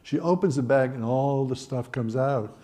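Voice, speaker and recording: A man in his eighties from the Netherlands, telling his life story in a wry, gently humorous way. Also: medium pitch, moderate pace. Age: 80s. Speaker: Holocaust survivor speaker. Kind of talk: personal storytelling talk.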